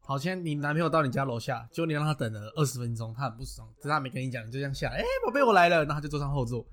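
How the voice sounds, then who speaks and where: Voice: medium pitch, very fast. A co-host in a casual podcast chat who needles the others with crude questions and wisecracks.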